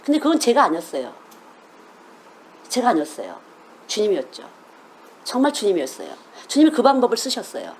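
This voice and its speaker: A woman's voice: medium pitch, huge pitch swings, a little fast, long pauses, a little mellow, a little hiss or hum. A middle-aged woman preaching a sermon as a children's missionary, earnest and emphatic, often asking her listeners questions.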